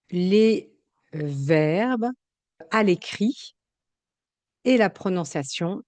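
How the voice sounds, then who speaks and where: A woman teacher walks through a grammar lesson at a very slow, deliberate pace, spelling out sounds and repeating each example. Her voice sits somewhat low and is recorded close and dry, with no room sound. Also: a little mellow, no room sound. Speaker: French teacher.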